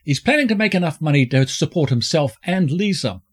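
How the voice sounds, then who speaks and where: Man, campy flamboyant drag-queen delivery, husky voice, animated swooping pitch, scripted podcast narration. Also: brisk. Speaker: film review podcast host. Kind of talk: scripted film review narration.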